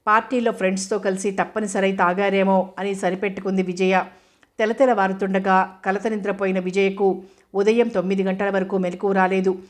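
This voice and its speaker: A woman reading a novel aloud as audiobook narrator, steady and even. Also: mid-range voice.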